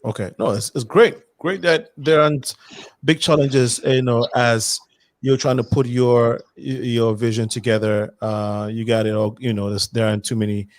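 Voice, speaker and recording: Halting male host. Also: medium pitch, steady tone, no room sound. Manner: halting, repeats words while framing questions. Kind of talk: interview hosting.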